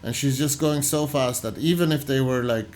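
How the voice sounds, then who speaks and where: A man hosting a reaction video, talking loosely and haltingly over footage he is watching. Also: mid-range voice, a little mellow. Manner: loose, halting, full of "like" and restarts. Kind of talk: casual commentary over footage.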